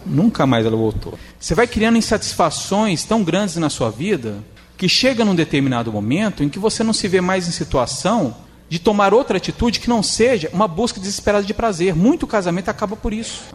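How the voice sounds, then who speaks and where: Homem palestrante num salão com eco longo. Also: male voice, high voice, big-room sound, a little hiss or hum. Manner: conversational, acts out quoted people in changed voices. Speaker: spiritist speaker. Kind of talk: spiritist lecture.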